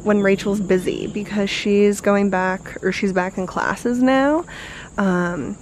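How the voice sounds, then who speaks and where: A young woman talks casually to the camera as a beauty vlogger. She is bubbly and chatty, her sentences strung together with fillers and quick laughs. She records indoors at home. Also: medium pitch, steady tone, darkish tone, slight background noise. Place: bedroom indoors, later outdoors on a porch.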